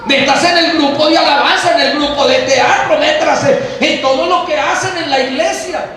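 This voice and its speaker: High-voiced preacher echoing from afar. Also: male voice, moderate pace, pushed and bright. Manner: playful, mimics excuses of young people in an exaggerated tone. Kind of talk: lively sermon to a congregation. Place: church hall. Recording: very echoey hall, voice from far off, faint noise.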